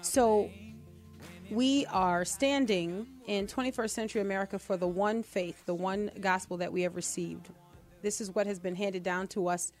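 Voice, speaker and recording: A woman's voice: mid-range voice, steady tone, moderate pace, darkish tone, soft background music. A woman co-hosting a radio show, teaching scripture in an emphatic, fervent way, repeating phrases for emphasis. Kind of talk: impassioned radio Bible teaching. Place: radio studio.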